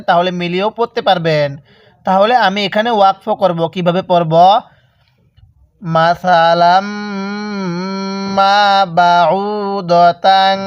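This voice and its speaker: A Bangladeshi Bengali-accented man gives a step-by-step lesson in Quran recitation, explaining each rule and answering his own questions. His voice is high, and he stretches out the example words slowly. The recording is dry and a little dull. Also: no echo. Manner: explains a rule, then slowly drawls out the Arabic words to demonstrate.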